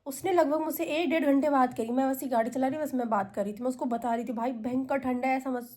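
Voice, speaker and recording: A woman's voice: high-pitched, steady tone, fast talker, darkish tone. A young woman. She chats to camera as a vlogger, telling a long story in a loose, conversational way. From India. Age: 20s. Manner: chatty, retells calls with quoted voices.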